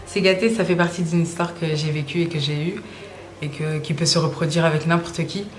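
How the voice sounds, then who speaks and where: A young woman from Brussels, Belgium, is a singer answering casual interview questions about her music. Her voice is low and a little fast, with soft music in the background of an echoey room, and she speaks in a relaxed, slangy way with frequent hesitations.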